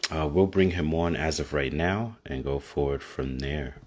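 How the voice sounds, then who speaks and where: Deep, husky male host, friendly and upbeat, sometimes using uh and um. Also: normal speed, a little mellow. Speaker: interview host. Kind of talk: casual interview.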